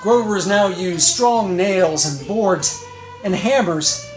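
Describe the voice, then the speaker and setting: A woman playing Batman as a gruff, overconfident superhero reading a storybook to children. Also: animated, takes it slowly, faint music behind, rough recording. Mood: gruff boasting. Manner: gruff, low, mock-heroic. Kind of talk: storybook read-aloud for children.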